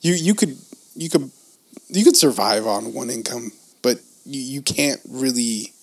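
Man, native Spanish, casual chat, medium pitch, laid-back, slangy, some profanity. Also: lively intonation, a little slow.

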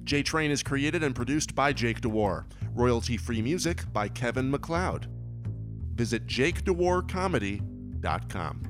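Man, comedy podcast host, calm outro read with music bed. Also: mid-range voice, a little slow. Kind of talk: scripted outro.

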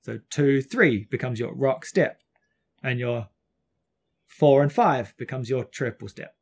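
A man's voice: medium pitch, a little slow, breathy edge. A man with a broad New Zealand accent chatting casually as a podcast co-host, explaining things in an informal, self-deprecating way. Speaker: podcast co-host and dance teacher. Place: outdoors on a front deck at home.

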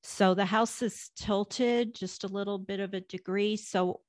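A woman's voice: mid-range voice, steady tone, a little slow, a little mellow, no room sound, studio quality. A woman guest chatting casually and telling long stories. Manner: chatty storyteller. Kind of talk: casual chat.

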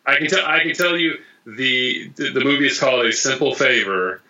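A man's voice: mid-range voice, moderate pace, bright, forceful tone, muffled recording. A man co-hosting a casual podcast, chatting and growing enthusiastic. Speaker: podcast co-host. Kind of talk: casual chat.

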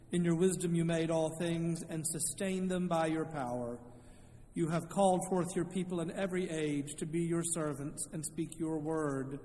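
A man's voice: fairly high pitch, a little mellow, slight background noise. A man leading a solemn liturgical prayer, his voice ringing with a cathedral echo. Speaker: pastor. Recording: long church reverb, faint ambience.

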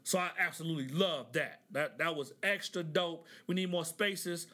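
A man's voice: a little high, normal speed, bright, forceful tone. A man from Oklahoma hosting a podcast, talking casually and checking in with "right?" between points. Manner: conversational, frequent "right?" asides. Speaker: podcast host. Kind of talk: casual commentary.

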